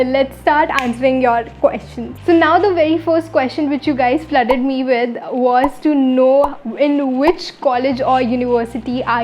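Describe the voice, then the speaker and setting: Chatty young Indian woman, high voice. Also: lo-fi sound. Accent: Indian English. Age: 20s. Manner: chatty, upbeat, answers viewers directly. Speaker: vlogger, law student. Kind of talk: casual Q&A to camera.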